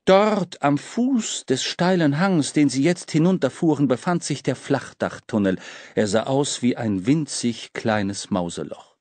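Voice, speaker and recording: A man narrating a children's audiobook in a lively, dramatic storytelling manner. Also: medium pitch, unhurried, no room sound. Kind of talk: scripted narration.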